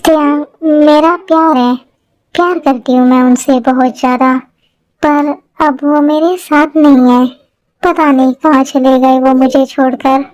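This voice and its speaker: A woman's voice: high voice, steady tone, a little slow, a little mellow, no echo, low-quality recording. A woman voicing a lovesick, wistful young woman in a fan-made dubbed drama. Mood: longing.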